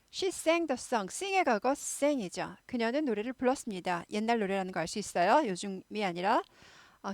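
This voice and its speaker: A woman's voice: mid-range voice, no room sound. A woman teaching English phrases in a casual, chatty way. She keeps affirming herself with short fillers and repeats words to drill pronunciation. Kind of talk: casual explanatory lesson.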